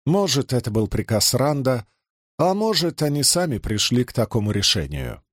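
A man narrating an audiobook in a measured, even reading. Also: mid-range voice, no echo, clean studio sound. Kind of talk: scripted narration.

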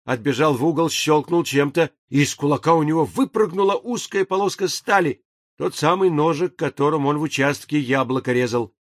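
A man narrating an audiobook in a measured, even storytelling manner. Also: on the high side, no room sound. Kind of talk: scripted narration. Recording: dry booth recording.

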